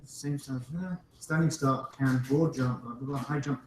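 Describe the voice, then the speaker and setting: A man's voice: medium pitch, fairly even intonation, measured pace. A man playing a tabletop game, mumbling to himself as he reads out the rules. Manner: mumbles while reading rules aloud. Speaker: player. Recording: roomy echo with noise.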